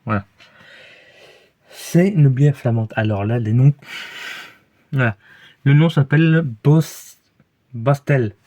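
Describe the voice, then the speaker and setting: A man's voice: mid-range voice, takes it slowly, long pauses, mellow. A man with a Belgian French accent reviewing beers in a casual, rambling way, full of fillers, false starts and hesitations, recorded in a room at home.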